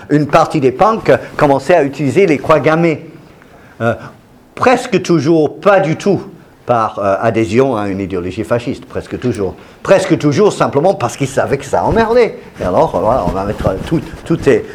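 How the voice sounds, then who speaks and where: A man's voice: mid-range voice, darkish tone. A man talks through music history in a loose lecture, stopping often to search for words. His delivery is full of fillers and restarted phrases. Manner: hesitant, many fillers and restarts. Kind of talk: explanatory talk.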